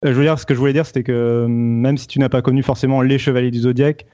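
A young man chatting on a podcast panel, halting with many fillers and restarts. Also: mid-range voice, level tone, warm tone, muffled recording. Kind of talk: casual podcast chat.

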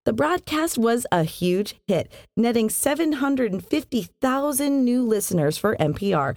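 A woman hosts a podcast of scripted science fiction history, her narration very animated in pitch and sprinkled with wry little asides. The sound is close and dry, with almost no room to it and no echo.

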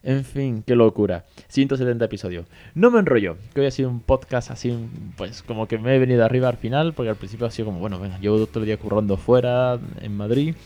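A Spanish podcast host records a chatty solo episode from a hotel room, casually cursing while impersonating the people he quotes. He talks fast with few pauses in a warm, mid-range voice, and faint music plays behind him.

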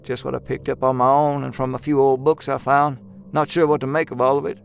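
A man voicing a young, rough-spoken country man with a folksy slang drawl, eager and haunted, in an audiobook. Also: mid-range voice, level tone, a little fast, a little hiss or hum, pitched above the performer's own voice, lightly acted. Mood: earnest. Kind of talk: audiobook character voice.

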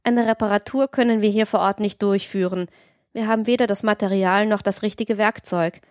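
A woman's voice: mid-range voice, brisk, dry recording, lightly acted. Woman doing an old male carter, crew leader, level-headed, commanding, storybook reading, dry close sound. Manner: commanding, calm instructions.

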